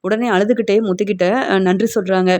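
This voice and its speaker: A woman's voice: medium pitch, steady tone, quick pace, darkish tone. Woman retelling a serial, voicing every character. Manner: retells scenes and voices each character's lines herself. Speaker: serial recap narrator.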